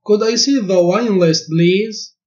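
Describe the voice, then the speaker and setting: A man teaching a language lesson, saying each short phrase twice in a clear, deliberate drill. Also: sits high, a little mellow. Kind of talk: slow repeated phrase drill. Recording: dull lo-fi recording.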